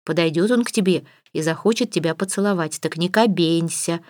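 A stern middle-aged mother, as a woman reads her in a storybook, scolds and orders her daughter about. The voice is fairly low and close to the reader's own. The sound is dry. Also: a little fast, a little mellow, no room sound, close to an everyday voice. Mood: bossy. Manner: scolding, bossy. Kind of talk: audiobook character voice.

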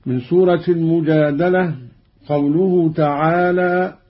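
A man giving a scripted radio lesson on recitation, explaining slowly and chanting the quoted verses. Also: fairly high pitch, steady tone. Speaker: radio presenter teaching Quran readings. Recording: dull lo-fi radio archive.

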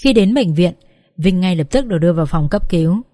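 A woman's voice: on the low side, fast talker, dry recording, studio quality. Woman reading an emotional story. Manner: expressive, acts out sobbing pleas. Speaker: audiobook reader.

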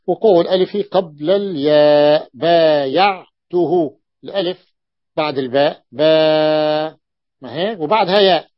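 Sheikh teaching, dull dry recording. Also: male voice, fairly high pitch, no room sound. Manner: repeats points, stretches example words, asks students to notice. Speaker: sheikh teaching Arabic morphology. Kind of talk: classroom lesson.

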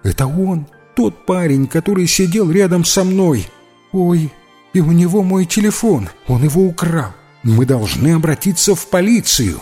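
A man's voice: a little high, expressive, moderate pace, warm tone, slightly rough, long reverb tail, soft background music, pitched above the performer's own voice. A man voicing a lost, upset little boy who rambles anxiously in a storybook reading. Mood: alarmed.

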